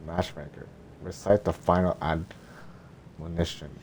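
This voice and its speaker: A man reading a script aloud in a boring, droning, deadpan monotone, with faint noise behind him. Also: sits low, takes it slowly. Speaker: reader of screenplay.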